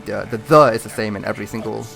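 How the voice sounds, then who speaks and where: A man's voice: fairly low pitch, little pitch movement, quick pace, vocal fry, a bit bright, soft background music. A man hosting a gaming video, chatting in a rambling, friendly way with lots of fillers and chuckles. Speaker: gaming channel host. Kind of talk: casual chat over gameplay.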